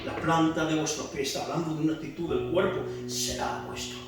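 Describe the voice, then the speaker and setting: Heard from far off in a reverberant church hall with music playing behind him, a male Spanish pastor with a high voice delivers a sermon to his discipleship class. He speaks fairly quickly in a steady tone, asking rhetorical questions that escalate into shouting.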